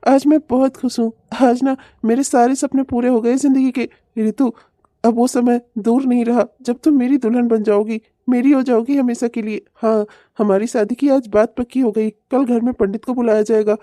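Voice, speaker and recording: A woman's voice: a little high, fairly even intonation, normal speed, warm tone, no room sound, studio quality, lightly acted. A woman voicing an eager, loving young man in a cartoon, talking earnestly and pleading. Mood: overjoyed. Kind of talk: cartoon voice acting.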